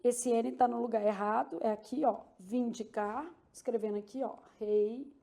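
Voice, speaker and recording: High-voiced Brazilian woman teaching grammar. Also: fairly even intonation, brisk, vocal fry, dark tone. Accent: Brazilian Portuguese. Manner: explains step by step with frequent "tá?" and "né?" checks. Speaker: Portuguese teacher. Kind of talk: online exam-prep lesson.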